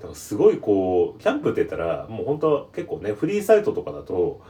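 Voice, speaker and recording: Talk host, male, low voice, very animated, quick rambling anecdotes. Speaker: podcast host. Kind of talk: casual chat.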